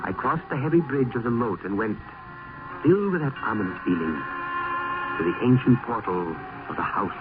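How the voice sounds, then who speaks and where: A man playing a weary, foreboding gentleman poet in a gothic radio drama, with formal, literary speech. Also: medium pitch, expressive, normal speed, lightly acted. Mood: brooding, uneasy. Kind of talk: old-time gothic radio drama acting. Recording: muffled vintage radio recording, loud music.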